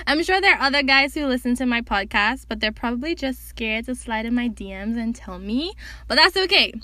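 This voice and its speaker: A young woman hosts her own podcast in a loose, chatty way, teasing and bossing her listeners with a laugh. Her voice sits high, and the sound is close and dry with no room echo. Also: lively intonation, moderate pace, pushed and bright. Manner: chatty, joking and bossy. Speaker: podcast host. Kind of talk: casual solo podcast talk.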